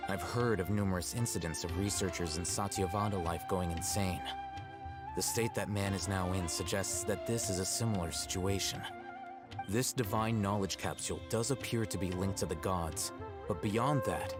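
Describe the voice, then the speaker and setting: Deep, cool-headed scholar Alhaitham played by a man. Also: over loud music, close to an everyday voice. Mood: analytical, detached. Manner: measured, formal, detached. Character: cool, analytical young male scholar.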